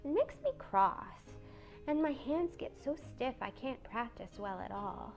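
Woman voicing Beth, a soft-spoken gentle young girl. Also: fairly high pitch, lively intonation, measured pace, faint music behind. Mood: plaintive.

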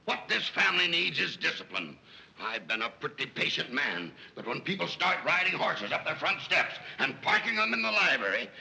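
A gravelly, gruff, blustering father of a rich family, his voice bright and sharp-edged. The pitch jumps about with exasperation, in the manner of a 1930s screwball film. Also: heavily acted, poor audio.

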